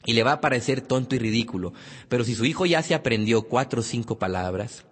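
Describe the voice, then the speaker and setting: A man's voice: mid-range voice, lively intonation, fast talker, slightly rough, long reverb tail. A man giving a motivational parenting talk, speaking emphatically and addressing parents directly. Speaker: parenting lecturer.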